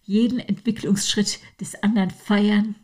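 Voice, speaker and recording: An older woman giving a reflective faith talk, speaking softly and earnestly to the listener, often half-whispered. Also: medium pitch, fairly even intonation, a little slow. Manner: earnest, addresses the listener directly. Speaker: devotional speaker.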